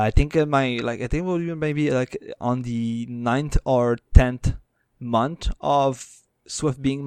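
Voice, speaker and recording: A man co-hosting a casual podcast, speaking in halting, hesitant phrases. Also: medium pitch, smooth, no echo, studio quality. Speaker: podcast co-host.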